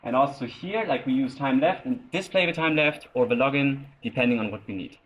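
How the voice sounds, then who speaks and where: A man giving an informal lightning talk with a live demo, explaining as he goes in short, halting phrases. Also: mid-range voice, a bit bright, muffled recording. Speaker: software developer presenting at a tech meetup.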